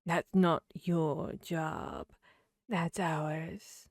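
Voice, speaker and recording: Woman voicing a slow, teasing Cheshire Cat. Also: low-pitched, little pitch movement, a little mellow, no room sound, studio quality, full character voice. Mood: soothing, mischievous. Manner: slow, playful, riddling drawl. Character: grinning Cheshire cat, teasing, fickle, mad Wonderland creature. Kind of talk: ASMR fantasy audio roleplay.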